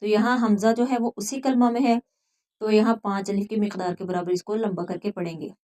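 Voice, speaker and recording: A woman with a Pakistani accent teaching Quran reading, explaining each rule step by step and slowly repeating words. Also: mid-range voice, steady tone, warm tone. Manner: patient, repeats words slowly and stretches recited sounds. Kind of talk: slow step-by-step lesson.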